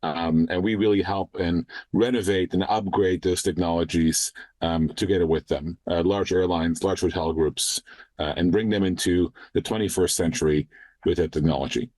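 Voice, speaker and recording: Founder guest, thirties, from the Netherlands: very low, measured, lots of fillers, dry studio sound. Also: male voice, fairly even intonation, a little mellow, dry recording. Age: 30s. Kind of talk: podcast interview.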